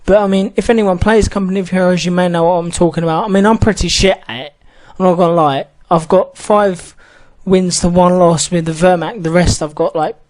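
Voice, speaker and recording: A man's voice: sits high, fairly even intonation, fairly quick, darkish tone. A man ranting casually about an online match, swearing often and rambling with many restarts. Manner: heated, swears a lot, rambling with frequent restarts. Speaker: gaming channel host.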